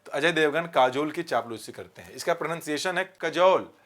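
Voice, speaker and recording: A man teaching vocabulary with memory tricks, asking rhetorical questions and repeating key words slowly. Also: fairly high pitch, expressive, a bit bright. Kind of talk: vocabulary lesson with mnemonics.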